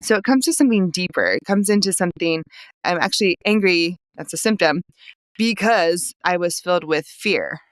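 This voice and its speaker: A woman's voice: on the low side, expressive, normal speed, no room sound, poor audio. A young adult woman hosting a solo podcast as a life coach, talking in an upbeat, emphatic coaching tone into a close mic.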